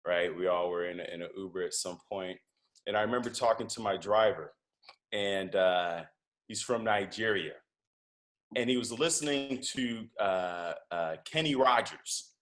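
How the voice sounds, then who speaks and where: A man who is a comedian and podcast host, telling stories as a guest in a conversational interview, animated, with lots of fillers and restarts. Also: low-pitched, moderate pace.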